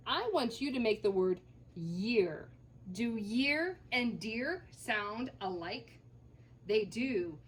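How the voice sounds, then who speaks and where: A woman teacher leading a children's phonics lesson, sounding out letters slowly and encouragingly. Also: on the high side, breathy edge.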